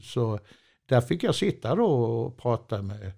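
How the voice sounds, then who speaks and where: An older man with a gravelly, creaky voice tells old road stories. He talks in a chatty, meandering way, stops and restarts, and chuckles often. His pitch sits in an ordinary middle range. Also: very animated, mellow. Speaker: storyteller, former truck driver. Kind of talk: rambling anecdotal storytelling.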